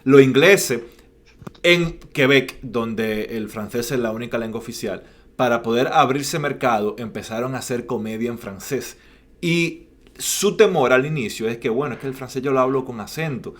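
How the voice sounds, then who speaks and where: A man's voice: medium pitch, normal speed. Playful man telling stories. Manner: playful, storytelling, frequent "ujú" backchannels. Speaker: podcast co-host. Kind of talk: casual chat. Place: lives in Canada, remote call.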